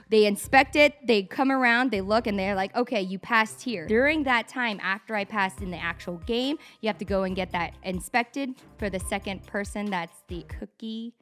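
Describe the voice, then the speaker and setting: A woman in her thirties casually telling a story with lots of swearing, acting out her own and others' panicked shrieks. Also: a little high. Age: 30s. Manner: animated, profane, acts out shrieking reactions. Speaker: vlogger.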